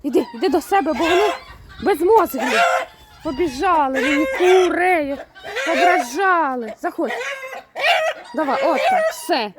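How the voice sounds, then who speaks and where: A woman's voice: extremely high pitch, big pitch swings, unhurried. A woman vlogging casually outdoors in her farmyard, chatting to viewers and scolding and shooing her poultry with laughs. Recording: outdoor video with loud farmyard noise. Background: chickens, roosters and fowl clucking and crowing.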